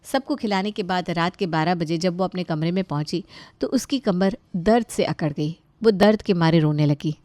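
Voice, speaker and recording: A woman narrating a scripted family story in a calm, even way. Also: on the low side, normal speed, hardly any pauses, no echo.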